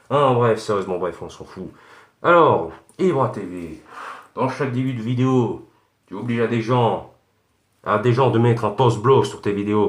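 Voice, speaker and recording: A man's voice: fairly low pitch, lightly acted. A man playing a ranting Darth Vader. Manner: rambling insulting rant, stumbling with fillers. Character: ranting Darth Vader parody, menacing protective father. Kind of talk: clash video rant. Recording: echoey room.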